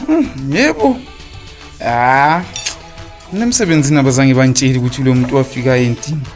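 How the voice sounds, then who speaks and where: In a radio drama, a Zimbabwean-accented man voices a smooth-talking, defensive, cheating husband and father. His mid-range delivery is expressive, fairly quick and near everyday speech, with faint music behind. Sounding defensive and irritated, he stammers out excuses and slips into English phrases.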